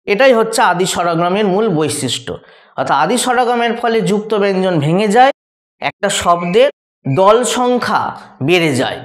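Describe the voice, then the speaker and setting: A male teacher giving a grammar lesson, patiently repeating examples and asking rhetorical questions. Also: sits high. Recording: echoey room.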